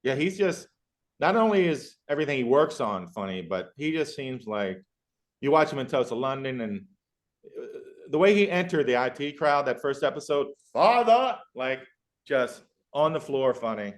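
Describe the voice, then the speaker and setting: A man's voice: mid-range voice, expressive, normal speed. A man hosting a podcast, asking rambling, enthusiastic questions that keep interrupting themselves. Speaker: podcast host. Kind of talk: casual podcast chat.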